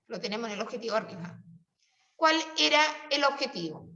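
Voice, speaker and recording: A woman's voice: on the high side, animated, brisk, bright, forceful tone. A Chilean woman teaching a class, explaining patiently and coaxing her students with questions. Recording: distant, roomy and dull-sounding.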